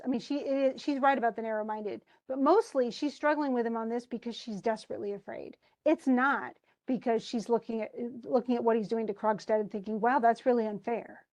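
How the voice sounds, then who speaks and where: A woman teaching a play, retelling its scenes in a lively way and acting out the characters' quoted lines as she goes. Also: fairly high pitch. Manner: animated, acts out quoted lines. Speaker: literature teacher.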